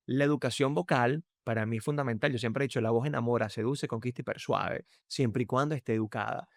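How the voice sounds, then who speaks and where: Recorded cleanly in the studio without echo, this Venezuelan-accented man from Venezuela appears as a podcast guest. He talks conversationally and emphatically about communication, changing his pitch and loudness to illustrate his points.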